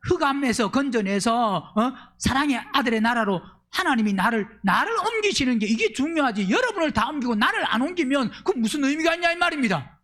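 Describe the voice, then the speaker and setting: Lively high-pitched male pastor preaching. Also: a little fast. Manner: fires rhetorical questions at the congregation; swings between loud emphatic bursts and low asides. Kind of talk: Sunday sermon.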